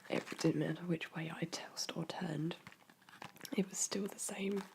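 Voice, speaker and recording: A woman whispering softly and caringly in an ASMR chat, her throat sore and dry from a cold. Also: on the low side, steady tone, a little slow, vocal fry, background noise. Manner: soft, intimate, caring whisper. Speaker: ASMR creator. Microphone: close microphone.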